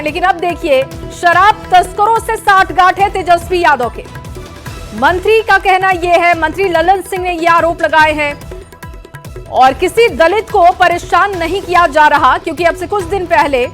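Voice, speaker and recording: A woman anchoring a live TV news bulletin, brisk and emphatic, introducing reports and questioning a correspondent. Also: extremely high pitch, fairly bright tone.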